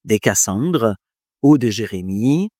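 A man gives a reflective talk on faith and philosophy to an audience, hesitating often, using many fillers and joking at his own expense. His voice is fairly low, expressive and warm, at a slow pace. The recording is studio quality, with no room sound.

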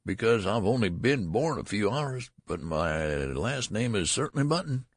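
A man's voice: lowish voice, very animated, normal speed, no room sound, studio quality, voice pushed up. A man voicing a querulous, weary old man with a cracked, weak, whining voice in a story reading. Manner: querulous complaining.

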